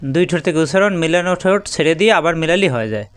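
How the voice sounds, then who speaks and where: A male Quran teacher whose native language is Bengali walks through Arabic letters one by one, stretching each sound out and repeating it for practice. His voice sits a little high and comes across smooth and resonant. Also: animated, a bit bright. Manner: methodical, repeats each letter name with drawn-out vowels. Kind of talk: spelling out Arabic letters with pronunciation drills.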